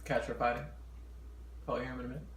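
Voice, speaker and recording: A man's voice: mid-range voice, little pitch movement, racing. A man chatting casually to camera for an eating show, chewing while he talks in his home kitchen. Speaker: mukbang vlogger. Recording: echoey room with background noise.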